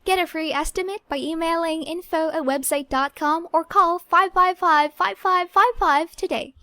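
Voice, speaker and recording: A woman's voice: normal speed, pushed and bright, no room sound. Brief: woman playing a confident female podcast promoter, radio style. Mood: punchy. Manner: deepened, punchy radio-personality delivery.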